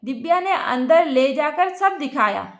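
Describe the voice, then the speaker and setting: A woman storyteller narrating a dramatic family story in a steady, dramatic manner. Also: high voice, unhurried, reverberant.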